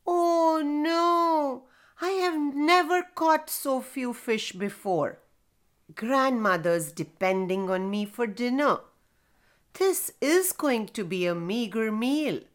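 A woman voicing a curious young village boy in a children's story, speaking in a raised, excited tone. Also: takes it slowly. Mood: worried. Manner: high, excited questions.

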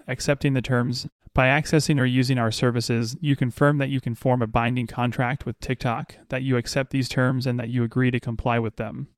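Even-toned man, sleep story narrator. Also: mid-range voice, no echo, studio quality. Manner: measured, unhurried, deliberate phrasing. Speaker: podcast host and narrator. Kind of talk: sleep story narration, slow soothing bedtime reading.

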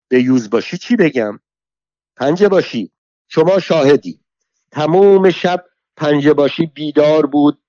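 A man voicing a foul-mouthed, quarrelsome old pilgrim woman who shouts abuse in a theatrical way. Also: a little high, no echo, voice pushed up, close to an everyday voice. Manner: shouting insults, abusive, theatrical. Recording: dull lo-fi dry recording.

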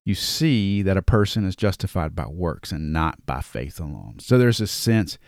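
Man with a Southern drawl, low voice. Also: expressive, moderate pace, vocal fry, a little mellow, dry recording, studio quality. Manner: conversational, reads scripture aloud with restarts. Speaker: podcast host. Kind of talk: casual Bible study talk.

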